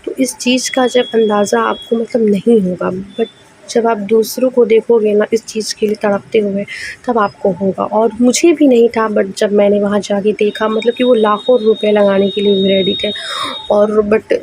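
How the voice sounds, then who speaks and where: A young mother vlogging in an easy, conversational way, full of fillers. Her voice sits at an ordinary pitch and stays quite flat. A faint hum of ambience sits under her. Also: moderate pace, rough recording. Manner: chatty, conversational with many fillers. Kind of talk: casual vlog narration.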